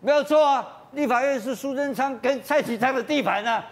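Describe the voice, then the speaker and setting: A man's voice: extremely high pitch, a little fast. A man with a Taiwanese Mandarin accent, a political commentator on a TV talk show, blunt and joking, often repeating his words.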